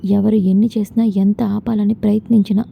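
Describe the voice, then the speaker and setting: A woman's voice: mid-range voice, flat delivery, fairly quick, vocal fry. A woman voicing a scheming middle-aged mother giving stern warnings. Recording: dull lo-fi with faint noise.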